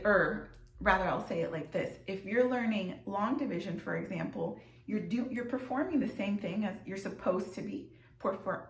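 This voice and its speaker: A woman's voice: medium pitch, roomy sound. A young adult woman teacher talking casually to kids, chatty and loose, with fillers and restarts. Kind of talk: casual classroom talk to kids on video.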